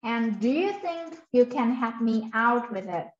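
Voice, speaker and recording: High-voiced woman drilling English phrases. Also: expressive. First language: Vietnamese. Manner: slow, careful drilling of example sentences, repeating each one. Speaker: English teacher. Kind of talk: online language lesson. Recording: roomy, slightly muffled sound.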